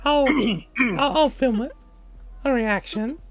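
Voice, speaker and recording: A man voicing a creepy, gleeful cartoon mouse overlord in a squeaky, theatrical falsetto with a cackle. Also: slow, no echo, soft background music, full character voice. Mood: smug, sinister.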